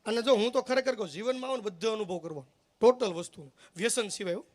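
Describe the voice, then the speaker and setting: Male folk comedian, high voice, teasing live storyteller. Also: quick pace, a little mellow. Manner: joking, teasing the audience directly. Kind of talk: live comic storytelling to an audience.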